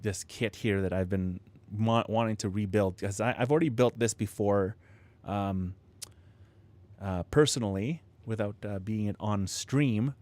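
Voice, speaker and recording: Fairly low and a little mellow, this man talks in an unhurried way. As host of a model-kit livestream from his home setup, he rambles casually to viewers, restarting often, using fillers and chuckling a lot, with a close studio microphone creating proximity effect.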